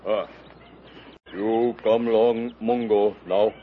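Dopey, guttural, slow savage brute. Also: male voice, lowish voice, fairly even intonation. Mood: gruff, commanding. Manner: dopey guttural bellow in broken English. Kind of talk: 1930s radio acting. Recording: dull, noisy old radio recording.

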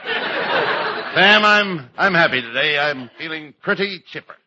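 A man's voice: a little high, animated, slow, pushed and bright, heavily acted. An actor playing a fussy police lieutenant as straight man, in the manner of a 1930s radio cop comedy. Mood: earnest. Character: fussy, easily scandalized police lieutenant, detective's sidekick. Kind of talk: old-time radio comedy acting. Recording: muffled, very noisy old radio recording.

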